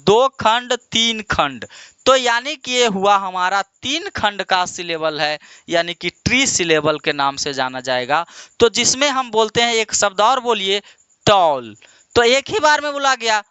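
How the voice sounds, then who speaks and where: A man's voice: high voice, sharp tone, clear, resonant tone, no room sound. A man from India teaching an English grammar lesson, repeating words and quizzing his students in a call-and-response way, calling them "my dear". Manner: asks questions and answers them himself, drawn-out repetition.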